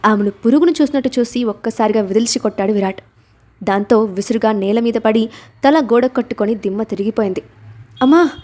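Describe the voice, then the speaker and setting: A woman narrating a serialized novel in a dramatic, steady storytelling manner. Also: a little high, fast talker.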